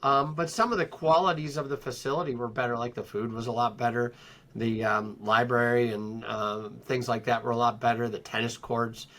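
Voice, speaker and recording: A middle-aged man with a bright, forward voice sits as an interview guest and tells his own story. He talks in an unhurried, reflective way, often pausing on ums and restarting his sentences. His pitch sits in an ordinary middle range for a man. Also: steady tone. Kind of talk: personal storytelling in conversation.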